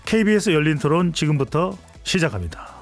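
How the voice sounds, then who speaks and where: A man's voice: fairly high pitch, big pitch swings, a little fast, soft background music. A man hosting a broadcast panel discussion as moderator, introducing guests and putting questions to them. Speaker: host, debate moderator.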